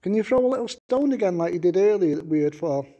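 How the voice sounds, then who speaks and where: A Manchester-accented ghost hunter calls out politely to a spirit in a stone castle room at night, coaxing it and repeating his requests with "please." His voice is high-pitched, expressive and warm, delivered at a quick pace, though the recording sounds muffled.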